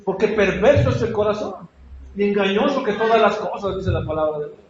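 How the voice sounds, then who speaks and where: A man's voice: high-pitched, lively intonation, brisk, a little hiss or hum. A man preaching a sermon in a church, asking his congregation questions and acting out prayers with feeling. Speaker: pastor. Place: church hall. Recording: echoey church hall, dull lo-fi sound.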